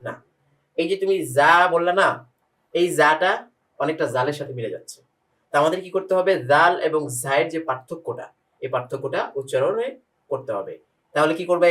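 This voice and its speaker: A man's voice: on the high side, fast talker, a bit bright, recorded from a distance, poor audio. A man teaching Quran pronunciation one-on-one, patiently demonstrating single sounds and quizzing his student.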